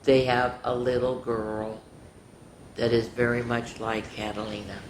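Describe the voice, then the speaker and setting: A children's story time host reads rhymes aloud in an echoey room with background rumble noise. Her voice shows little pitch movement at a measured pace, yet her reading is animated and sing-song, chatty and exclamatory, with drawn-out rhymed words and casual asides.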